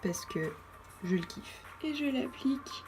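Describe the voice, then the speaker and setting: A woman's voice: sits high, expressive, measured pace, a little mellow, soft background music. A woman giving a casual makeup tutorial as a beauty vlogger, chatty and thinking aloud with lots of fillers.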